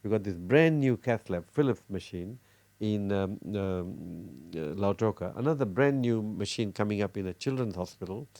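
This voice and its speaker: A middle-aged man from Fiji, a cardiologist, talking earnestly in an interview with many pauses and restarts. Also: fairly low pitch, expressive, darkish tone, no room sound. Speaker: cardiologist guest. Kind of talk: casual interview talk.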